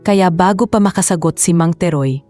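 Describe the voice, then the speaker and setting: Low-voiced woman narrating a love story. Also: moderate pace, warm tone, faint music behind. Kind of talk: scripted first-person story narration.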